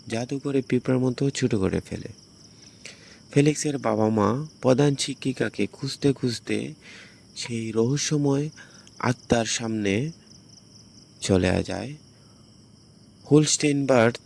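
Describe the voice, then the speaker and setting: A man's voice: mid-range voice, vocal fry, darkish tone, a little hiss or hum. A man narrates the story of a film as a movie recap.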